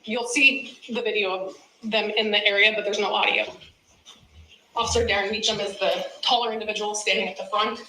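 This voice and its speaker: A woman prosecutor giving an opening statement in court, in measured, deliberate phrases. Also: mid-range voice, pushed and bright. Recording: echoey courtroom, clear background noise.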